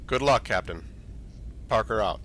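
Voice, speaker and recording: Unhurried and lowish in pitch, a man voices a senior space fleet admiral briefing in a science fiction audio drama. The character is commanding, brisk, and matter-of-fact, and the delivery is formal, measured, and authoritative. Constant ambient noise runs in the background.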